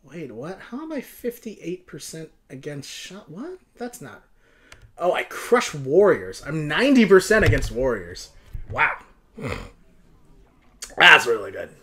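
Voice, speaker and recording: A man's voice: fairly high pitch, sing-song, unhurried, pushed and bright. A young man giving casual, slangy live game commentary to viewers, moving between exclaiming and muttering. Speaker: video game streamer. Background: game music.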